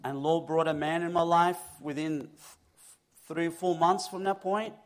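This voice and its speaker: A man from Egypt shares his testimony from a church stage, speaking into a stage mic. His voice sits a little high, and he tells his story as a lively storyteller with a streak of self-mocking humor. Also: normal speed. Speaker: guest preacher. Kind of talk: personal testimony in a church interview. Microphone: own stage mic.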